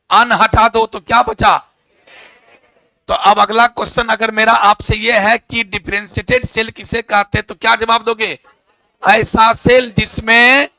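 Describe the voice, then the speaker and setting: A man's voice: very high voice, bright, forceful tone, no echo. A male teacher giving a classroom lecture, quizzing and scolding his students.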